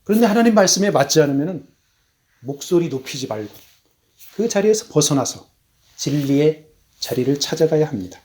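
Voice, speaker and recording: A man preaching a sermon as a missionary, emphatic, his voice rising on key words and then falling low, slowing down for stress. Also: expressive, darkish tone. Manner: measured, slows down for stress.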